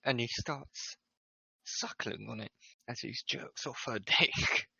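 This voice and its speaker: Giggly podcast guy reading out loud, bright punchy voice, kinda lo-fi dry mic. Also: mid-range voice, expressive, takes it slowly, vocal fry, slightly rough, no room sound. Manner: giggly, breaks into laughter while reading. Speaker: podcast host. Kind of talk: casual podcast banter, reading aloud.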